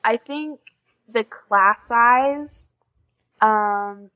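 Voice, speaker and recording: Speaking very slowly in a slightly high, pushed, bright voice, this teenage exchange student from small-town Oklahoma chats casually in an interview. She's informal and fills her talk with "like," and the sound is lo-fi.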